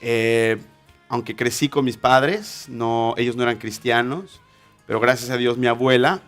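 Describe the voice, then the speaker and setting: Over soft background music, a man in his 20s from Honduras shares his personal testimony in an interview, where he is the guest and a ministry instructor. He speaks unhurriedly in a mid-range, fairly bright voice with fairly even intonation, hesitating with frequent fillers and restarts.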